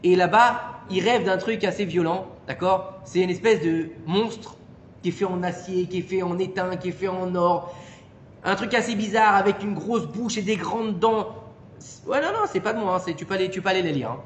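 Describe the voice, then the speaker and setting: High-voiced man teaching in an echoey room. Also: normal speed. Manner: animated, questions the listeners and adds "d'accord?". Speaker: Torah teacher. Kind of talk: informal Torah lesson to a small group. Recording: echoey room with long reverb and faint noise.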